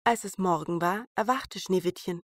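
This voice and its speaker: A woman's voice: lowish voice, normal speed, no echo, clean studio sound. A woman storyteller reading a German fairy tale aloud as a bedtime story. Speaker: podcast storyteller.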